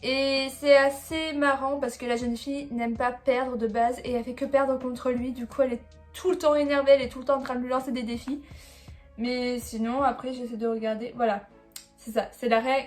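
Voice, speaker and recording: A woman's voice: on the high side, steady tone, a little fast, faint music behind. A woman chatting casually as she reviews her new manga, rambling with frequent fillers and small laughs. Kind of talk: casual chat about a manga haul.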